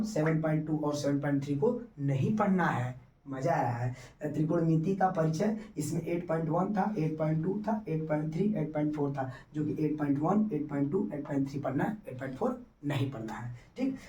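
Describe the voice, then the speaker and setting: A man's voice: a little high, a little mellow. A male teacher going through a syllabus chapter by chapter, repeating himself and checking that students follow. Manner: repetitive, checks students understand. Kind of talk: syllabus explanation lesson. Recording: echoey room, mic at a distance.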